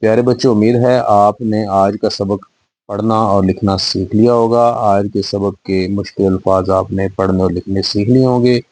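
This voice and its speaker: Male teacher, low mellow voice, unhurried, dry close sound, repeats words for kids. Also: steady tone, no echo. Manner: patient, repeats each word. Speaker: Urdu teacher. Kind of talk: slow spelling lesson for children.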